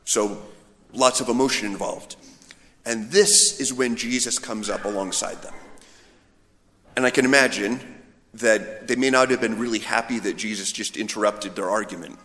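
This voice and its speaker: In a large, reverberant church, a male priest tells stories through an informal homily, playing out imagined dialogue. His lowish voice is a bit bright and moves at a moderate pace, heard through an echoey hall with long reverb.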